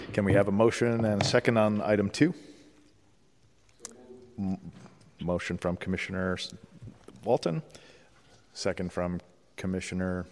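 Deep-voiced man chairing a formal meeting. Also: a little mellow, a little hiss or hum. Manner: measured, procedural, with frequent "uh" and "um". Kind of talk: formal public meeting proceedings. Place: large legislative chamber. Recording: long reverb of a large chamber.

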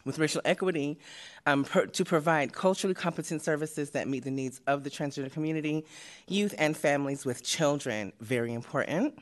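A committee member, a woman, reads through a presentation at a public meeting while out of breath, halting often with fillers. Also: sits low. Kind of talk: reading a presentation.

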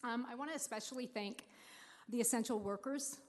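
A woman with a fairly high voice gives a slow, heartfelt speech from a stage. The sound rings with the long reverb of a large hall. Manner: heartfelt, slow and deliberate, getting emotional. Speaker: speaker introducing the mayor. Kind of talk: prepared speech at a civic celebration.

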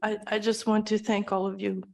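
A woman from Croatia, a mother, giving a halting, emotional public comment at a meeting. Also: mid-range voice, flat delivery, gravelly, warm tone. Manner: halting and emotional, with many restarts.

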